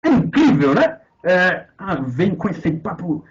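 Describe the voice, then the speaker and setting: A man from Brazil with a Minas Gerais accent, lecturing on philosophy in a sarcastic, profane way, with loud outbursts and quiet asides. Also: sits high, sing-song, slow, dull audio. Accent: Minas Gerais Portuguese. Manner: sarcastic, swearing, swings from loud outbursts to mutters. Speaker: philosophy teacher. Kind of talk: lecture commentary on a text.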